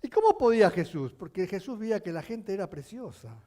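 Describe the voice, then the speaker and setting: Animated high-voiced preacher man. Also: brisk. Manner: animated storytelling, rising to near shouting for the crowd's voices; addresses the congregation with frequent questions. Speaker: pastor. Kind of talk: sermon.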